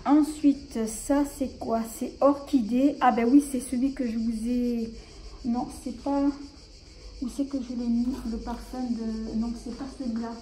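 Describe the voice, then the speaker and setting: A woman's voice: on the high side, steady tone, measured pace, mellow, a little hiss or hum, rough recording. A woman vlogger chatting casually about her collection, hesitant and full of fillers and restarts. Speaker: beauty vlogger. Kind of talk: casual show-and-tell vlog.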